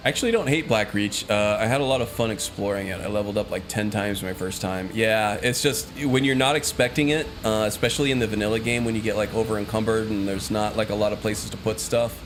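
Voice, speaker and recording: A man's voice: on the low side, quick pace, few pauses, background noise. A man streaming a video game, chatting casually with his viewers and laughing as he plays. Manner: chatty, laughing, talking to chat. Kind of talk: casual gameplay commentary.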